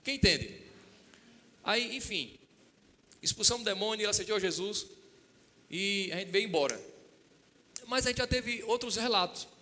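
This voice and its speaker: Bright-voiced pastor preaching. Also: male voice, high-pitched, moderate pace, long pauses, long reverb tail. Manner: asks the congregation "Amém?" and "Quem entende?"; lively retelling with acted-out dialogue. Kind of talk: storytelling sermon.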